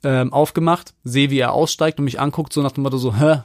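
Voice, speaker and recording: A man co-hosts a podcast with a medium-pitched voice, recorded cleanly in a studio with no echo. He animatedly tells an anecdote in casual chat, talking rapidly and using lots of fillers.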